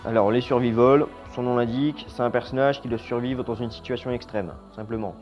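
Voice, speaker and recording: A man giving a casual, opinionated horror film review. He is blunt and slangy, and his voice trails off quietly at the ends of phrases. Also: mid-range voice, fairly even intonation, fairly quick. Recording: slightly dull lo-fi sound with faint music.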